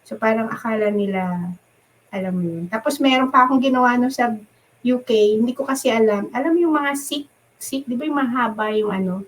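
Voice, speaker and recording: A middle-aged woman from the Philippines, a nurse, chatting casually as an interview guest, animated and laughing often as she acts out the voices of people she quotes. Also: a little high, fairly quick, low-quality recording. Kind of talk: casual storytelling chat.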